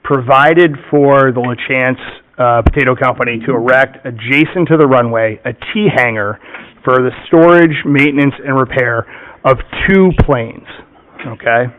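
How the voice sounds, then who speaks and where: A man representing an applicant, giving a formal, methodical presentation at a public hearing and pausing often to check in with "okay?". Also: mid-range voice. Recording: muffled meeting-room recording.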